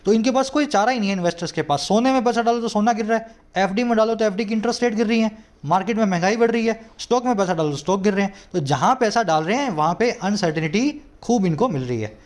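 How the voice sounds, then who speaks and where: Brief: Indian male teacher, high voice, patient word-by-word explanations, slow deliberate reading of English lines. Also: animated. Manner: explains terms step by step, often checking "ठीक है"; reads English quotes slowly. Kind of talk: explaining a news article word by word.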